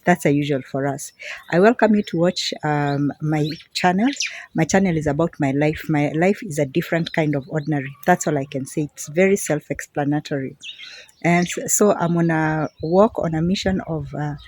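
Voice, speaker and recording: Strolling through a quiet semi-rural spot, a middle-aged Kenyan woman vlogs to her phone in a Kenyan accent, frequently repeating words to stress them. She speaks at a moderate pace in a low, darkish voice, with a little hiss or hum on the audio and birds and crickets behind her.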